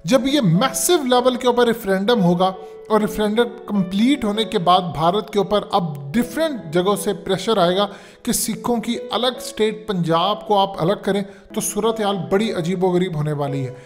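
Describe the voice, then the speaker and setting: A man's voice: sits high, normal speed, soft background music. A man from Pakistan, giving emphatic, lecturing political commentary as a show's host. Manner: emphatic, lecturing, repeats "dekhiye".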